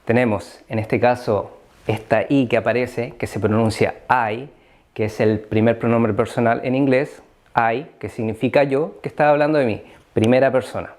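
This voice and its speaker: A man with a Chilean Spanish accent teaching an English grammar lesson, explaining slowly with frequent fillers. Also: medium pitch, fairly even intonation, darkish tone.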